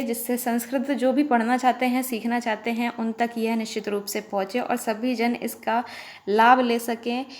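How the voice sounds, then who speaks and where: A woman teaching an online Sanskrit lesson, reciting the sutras slowly and drawn out and explaining them patiently. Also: fairly high pitch. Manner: explains patiently, often checking with "theek hai".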